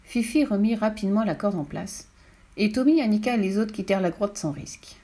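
A woman's voice: mid-range voice, brisk, dark tone. Woman reading a children's storybook. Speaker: audiobook reader.

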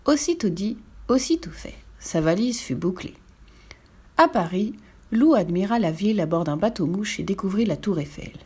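Woman reading a kids' story out loud, lively and expressive, mid pitch. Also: normal speed, husky. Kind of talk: children's storybook read-aloud.

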